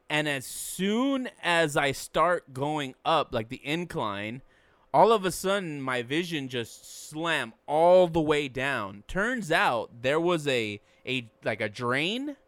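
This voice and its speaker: A man co-hosting a podcast, telling a story in a relaxed way with frequent restarts. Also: a little high, slow, dry recording. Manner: laid-back storytelling with many restarts. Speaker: podcast co-host. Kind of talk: casual chat.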